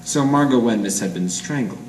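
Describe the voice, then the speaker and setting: An amateur actor plays a hard-boiled 1940s private eye in a radio noir, narrating grimly in the first person with clipped, deadpan slang. His medium-pitched male voice is fairly quick and close to everyday speech. The live performance takes place in a roomy gallery, picked up by a distant mic with echo and faint noise.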